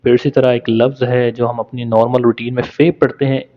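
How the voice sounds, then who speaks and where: A man's voice: medium pitch, flat delivery, brisk. A man teaching Arabic letter pronunciation in a spoken lesson, patiently stretching out each sound for practice. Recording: dull lo-fi recording.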